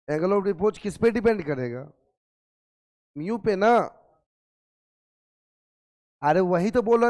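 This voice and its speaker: Physics teacher with a sore throat. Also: male voice, sits high. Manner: coaxing, scolding students gently, repeats questions. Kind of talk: classroom lecture. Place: classroom.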